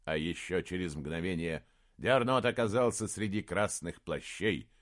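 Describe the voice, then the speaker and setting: A man narrating a fantasy audiobook in a steady, even reading voice. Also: low-pitched, a little slow. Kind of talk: scripted narration.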